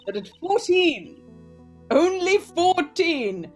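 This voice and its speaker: A woman's voice: very high-pitched, big pitch swings, slow pace, darkish tone, soft background music, heavily acted. A woman doing a sly, mocking witness. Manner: sweet then mocking evil voice, giggling. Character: scheming young woman witness turning sinister. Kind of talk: casual fan read-through of a game script.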